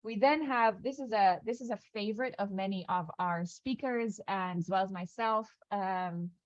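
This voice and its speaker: A woman presenting on a video call, rattling through a program agenda at speed with plenty of ums and restarts. Her voice sits at a middle pitch and sounds close and dry. The call audio is dull and muffled. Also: no echo. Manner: fast-talking with many fillers and restarts. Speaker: program staff presenting onboarding. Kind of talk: online onboarding call walkthrough.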